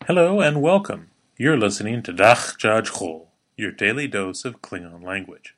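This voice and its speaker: A man hosting a daily language-lesson podcast, teaching in a playful, wry way and slowing down to model sounds for the listener. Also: fairly low pitch, expressive, fairly bright tone. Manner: slows down to spell out and model pronunciation.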